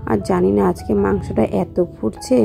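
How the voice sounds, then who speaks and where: A young woman softly narrating her daily home life as a vlog voice-over, her voice weak from just waking up. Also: medium pitch, steady tone, vocal fry, soft background music. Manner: speaks softly and slowly, just woken up. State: low on voice after waking. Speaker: vlogger.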